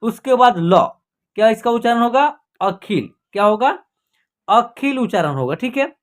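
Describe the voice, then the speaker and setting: A woman's voice: on the high side, animated, normal speed. A woman teaching beginners to read in an online class, spelling out each letter and then asking and answering her own questions about how the word sounds. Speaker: Hindi reading teacher. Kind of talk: online beginner reading lesson.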